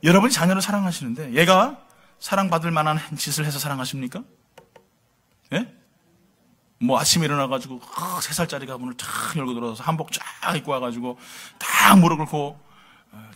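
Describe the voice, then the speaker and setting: Bright-voiced Korean pastor, high and lively. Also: male voice, a little fast. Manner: conversational preaching with humor and rhetorical questions. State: tired from lack of sleep. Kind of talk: sermon.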